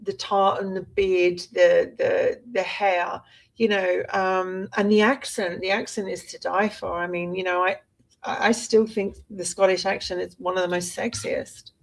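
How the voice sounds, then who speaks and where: A woman from Britain co-hosting a casual podcast chat, talking in an animated way with restarts and laughs. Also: medium pitch, measured pace, creaky, rough recording. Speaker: co-host.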